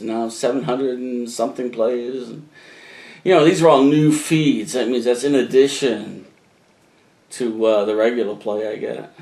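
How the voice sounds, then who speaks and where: Casting: man with New England accent, chatty rambling video blogger, medium pitch, roomy camcorder sound. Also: a little mellow. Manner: rambling, chatty, with many fillers and asides. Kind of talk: casual talk to camera. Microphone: camcorder microphone. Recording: roomy echoey room.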